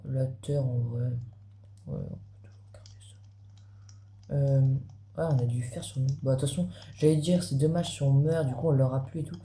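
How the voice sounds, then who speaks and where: A man's voice: mid-range voice, fairly even intonation, fairly quick, warm tone. A man giving casual gameplay commentary, chatting straight to his viewers as a gaming video creator. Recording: roomy echo, faint background noise.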